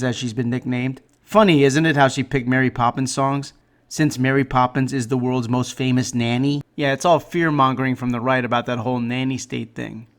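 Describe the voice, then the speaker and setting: A man hosting a political commentary show, delivering mocking jokes in a sarcastic, deadpan way. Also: medium pitch.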